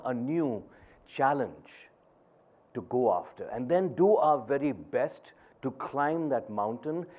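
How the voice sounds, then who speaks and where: A middle-aged man speaks from a conference stage in a mid-range voice. He tells a personal story earnestly, pausing between short phrases. It is a keynote address to an audience. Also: mid-range voice, darkish tone. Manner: earnest, deliberate phrasing with pauses.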